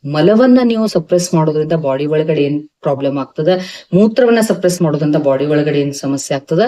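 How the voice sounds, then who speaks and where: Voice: medium pitch, a little mellow. An Ayurvedic doctor with a North Karnataka Kannada accent gives a health talk to camera. The doctor speaks emphatically, asks rhetorical questions and mixes in English medical terms.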